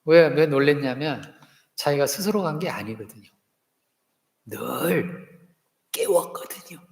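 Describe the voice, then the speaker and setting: A pastor in his fifties gives a sermon in a church sanctuary. His voice sits a little high for a man, and it rings through a roomy hall with a long tail of reverb. He keeps asking the congregation questions and has them repeat lines after him. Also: lively intonation, moderate pace.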